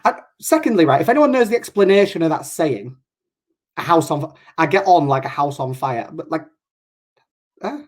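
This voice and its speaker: A man's voice: fairly high pitch, lively intonation, normal speed. A man from Hull with a northern English accent, hosting an online interview in a casual, rambling way and often interrupting himself. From Hull, England. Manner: chatty, rambling, self-interrupting. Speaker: host of an online interview show. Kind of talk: casual chat.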